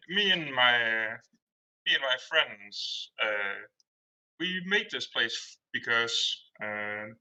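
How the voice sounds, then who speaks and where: A man playing a cautious, accommodating shelter keeper in a tabletop game, speaking haltingly. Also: mid-range voice, sharp tone, full character voice, rough recording. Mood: earnest. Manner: halting, hesitant.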